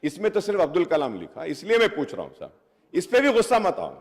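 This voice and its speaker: Speaking fast, with a high voice whose pitch swoops wildly, a man makes an argumentative speech as a legislator. He moves back and forth between English and Hindustani, and the assembly hall gives the recording a strong echo.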